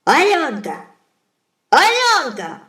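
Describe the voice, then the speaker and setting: A woman's voice: lowish voice, big pitch swings, slow pace, full character voice. A storyteller voicing Baba Yaga, a greedy old witch ogress who sing-songs sweet calls and barks orders, heard from a distance in a roomy space. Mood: bossy. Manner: wheedling sing-song calls, then barking orders.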